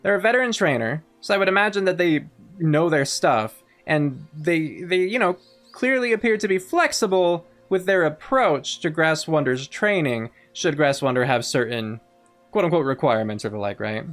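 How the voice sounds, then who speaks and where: A woman's voice: sits low, animated, moderate pace, soft background music. A woman commenting casually on a game as she plays, thinking aloud in a chatty way. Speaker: game streamer. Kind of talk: casual let's-play commentary.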